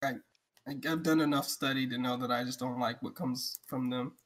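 A man in relaxed podcast conversation. He hesitates often, stumbling and restarting before he gets his point out. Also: medium pitch, brisk, slight background noise. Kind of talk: casual chat.

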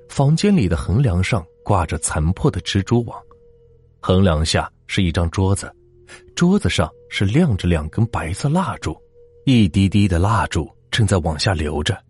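Deep-voiced male ghost-story narrator. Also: a little mellow, husky. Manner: dramatic, suspenseful narration.

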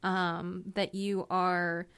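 A woman's voice: lowish voice, level tone, extremely slow, a bit bright, clean tone. A woman running a tabletop role-playing game, describing scenes in a chatty, meandering way with many fillers. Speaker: game master.

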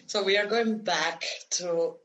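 An Italian-born woman in her thirties talks slowly and hesitantly, full of fillers and restarts. Her voice sits a little low but sounds bright and forward. She is a guest in an easygoing interview. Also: rough recording. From Italy. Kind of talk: conversational interview.

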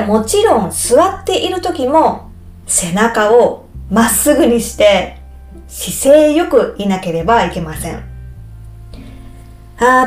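A woman explaining a topic slowly and simply, like a teacher speaking to language learners. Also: medium pitch, darkish tone, reverberant. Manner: slow, clear, explaining simply with repetitions. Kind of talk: slow explanatory podcast talk.

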